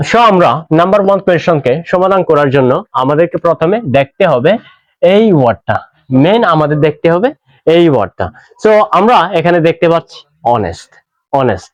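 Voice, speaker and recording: Male English tutor, Bangladeshi accent, slightly high voice, patient step-by-step explainer, dry dull lo-fi recording. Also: no room sound. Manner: explains step by step, repeats words slowly, asks "right?". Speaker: English teacher. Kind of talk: classroom grammar lesson. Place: classroom with whiteboard.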